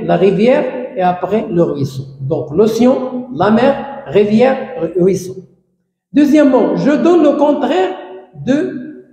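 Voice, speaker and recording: A man teaching a grammar lesson, explaining slowly and repeating phrases while stressing key words. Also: high-pitched, mellow. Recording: echoey room, long reverb.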